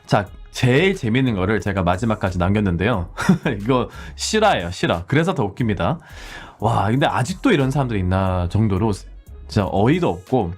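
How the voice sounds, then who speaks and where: A man's voice: fairly low pitch, big pitch swings, fairly quick, breathy edge, soft background music. A Korean-born man in his forties teaching English conversation casually, acting out heated street exchanges. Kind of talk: casual English lesson with role-play examples.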